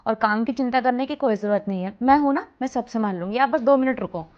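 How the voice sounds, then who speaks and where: A woman's voice: fairly high pitch, quick pace, close to an everyday voice. An actress playing a headstrong young married woman who complains indignantly to her mother in a scripted family drama. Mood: caring. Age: young adult. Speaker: married daughter. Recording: slightly dull lo-fi recording.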